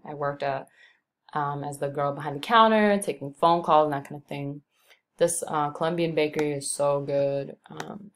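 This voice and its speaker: A young woman from Brooklyn, New York, with a low-sitting voice narrates a screen-recorded tour of her neighborhood, relaxed and rambling, with many ums and likes.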